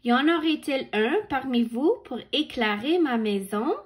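Polite male hermit crab for a storybook read-aloud, voiced by a woman: courteous, admiring, unhurried, slightly high. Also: lively intonation.

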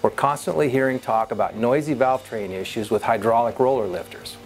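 A man, a head engine builder, calmly walks through a shop how-to demonstration in plain, measured technical terms. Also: mid-range voice, faint music behind.

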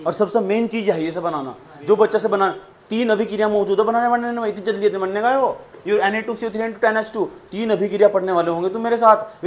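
A man with a fairly high voice teaches science in a classroom. He drills each term by saying it twice and keeps checking whether his students follow. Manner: repetitive, drills terms, quizzes students. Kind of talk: classroom lecture.

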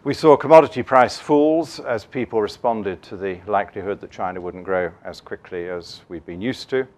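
Deep-voiced man at a lectern. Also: a little mellow. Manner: measured, with frequent "uh" fillers and restarts. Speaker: investment keynote speaker. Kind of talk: keynote talk on markets. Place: conference room, standing at a lectern.

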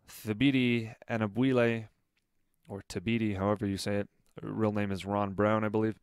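Man, low and clear, earnest commentary with many fillers. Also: dry recording, studio quality. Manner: earnest, with frequent fillers and restarts. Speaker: online commentator. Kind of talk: critical commentary video.

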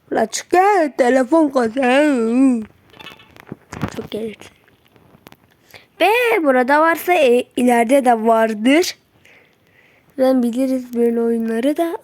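A woman with a high voice talks through a game she is playing, in no hurry between bursts. She yelps at threats, shoos enemies away with slangy jabs and drops to muttering to herself. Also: a little mellow, no echo. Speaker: gameplay streamer. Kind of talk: live gameplay commentary.

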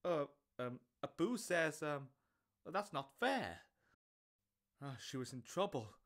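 A young man voicing a cocky but kind street thief who talks in a casual, quick-witted, joking way. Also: on the high side, very animated, a bit bright, exaggerated voice. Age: young adult.

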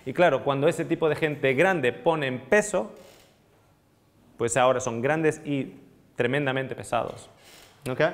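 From Spain, this man in his thirties gives a live nutrition seminar to a small audience in a somewhat high voice. Animated and gesturing a lot, he keeps asking the room questions, and his lapel mic picks up the hall's long reverb.

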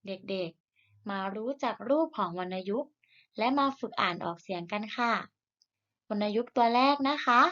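Thai teacher woman, slow and encouraging. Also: medium pitch, highs cut off. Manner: slow, deliberate modelling of sounds for repetition; gentle, encouraging tone to children. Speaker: primary school teacher. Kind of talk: recorded reading lesson for young children.

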